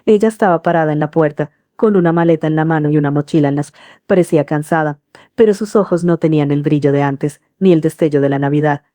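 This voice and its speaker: Middle-aged lady narrating a story, low dark voice, calm and earnest, dry sound. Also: fast, no echo. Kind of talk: scripted first-person narration.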